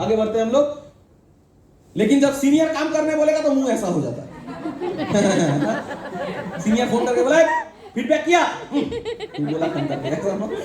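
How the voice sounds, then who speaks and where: A middle-aged man with an extremely high-pitched voice, captured on a distant mic in a very echoey hall, gives a preachy motivational talk to a sales team. He frequently quizzes the crowd and cracks jokes.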